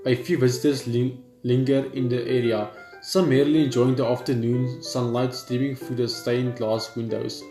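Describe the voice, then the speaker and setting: A man with a warm, level, mid-range voice reads game text aloud at a moderate pace while hosting a let's play. He makes casual asides and sometimes stumbles on a word; the room echoes and game music plays behind him.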